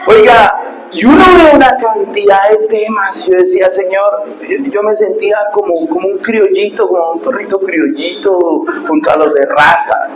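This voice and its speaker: A man pastor, preaching a sermon and telling stories, dropping to hushed asides and rising to loud preaching. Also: high voice, normal speed, few pauses, crowd noise. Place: church hall. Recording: echoey hall with background noise.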